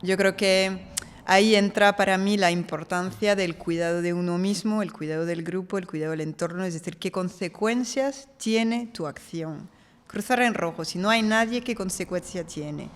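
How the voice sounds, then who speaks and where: A woman from France, a native French speaker, a guest in a casual interview, telling stories in lively bursts and acting out the voices of people she quotes. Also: fairly low pitch, moderate pace, big-room sound.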